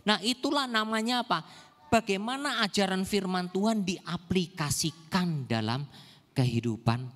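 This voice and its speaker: A man's voice: high voice, unhurried, fairly bright tone. Older man preaching in an echoey church. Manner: asks the congregation rhetorical questions. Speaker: pastor. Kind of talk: sermon. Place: church service hall.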